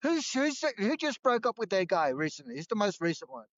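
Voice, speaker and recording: A man's voice: high-pitched, very animated, a little fast, a bit bright, lo-fi sound. A man chatting casually with strangers, rambling, repeating words and swearing freely.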